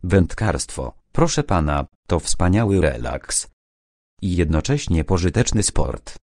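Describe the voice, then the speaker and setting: A man's voice: low voice, sing-song, measured pace, a little mellow, no echo, clean studio sound, exaggerated voice. A man voicing a pompous, self-important middle-aged angler who lectures everyone about fishing. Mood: lecturing. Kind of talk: audiobook character reading.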